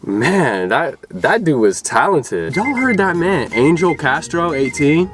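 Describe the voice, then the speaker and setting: A man's voice: on the high side, sing-song, slow pace, music in the background. A man hosting his vlog in casual chat, easygoing and full of "like" and "bro", often repeating words. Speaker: vlogger host.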